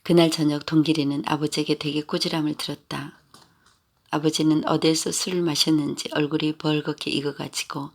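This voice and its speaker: Guy reading a story out loud, steady and gravelly. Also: fairly high pitch. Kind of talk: audiobook narration of a story.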